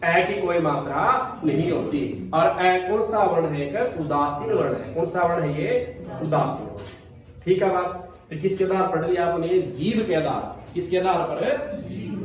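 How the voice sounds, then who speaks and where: A man's voice: high voice, unhurried. A man teaching a grammar class, quizzing students and repeating his questions. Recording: echoey classroom, from far off.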